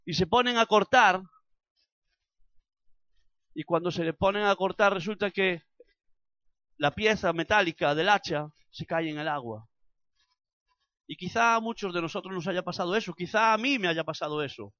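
A man with an accent from Spain preaching a sermon, building to loud impassioned passages and acted prayers. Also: sits high, moderate pace, long pauses, dry recording, muffled recording. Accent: Spanish from Spain.

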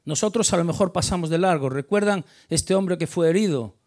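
A man preaching a sermon, emphatic, stressing key words loudly before dropping quiet, often repeating words as he restarts. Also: high-pitched, fairly quick. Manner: emphatic, builds to loud stressed peaks then drops quiet. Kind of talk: sermon on a Bible passage.

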